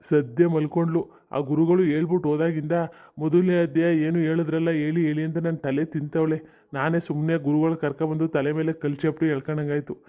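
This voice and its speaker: A put-upon older village husband, as a man voices him grumbles in a mellow, somewhat raised voice. He sounds worn down and exasperated, as in a comedy cartoon. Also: fairly high pitch, flat delivery, fast, natural voice.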